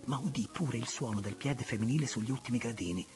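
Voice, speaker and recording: A man narrating a classic novel for an audiobook, in a measured, expressive way that at times drops to a hush. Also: medium pitch, soft background music.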